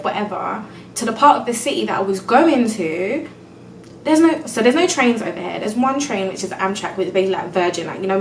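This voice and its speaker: A woman's voice: medium pitch, echoey room. Young woman ranting about her pain, fed up, teary, far from the mic, bit of room hum. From England. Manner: exasperated, venting, frequent "like" and "do you know what I mean". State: close to tears, in pain. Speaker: vlogger. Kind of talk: casual storytime vlog.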